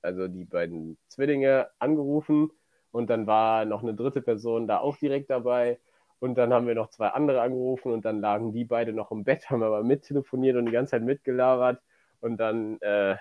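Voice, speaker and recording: A man's voice: mid-range voice, brisk, no echo, phone-quality sound. Chatty man co-hosting a podcast, dry sound. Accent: Rhineland German. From Germany. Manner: chatty, rambling storyteller. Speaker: podcast co-host. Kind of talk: casual chat.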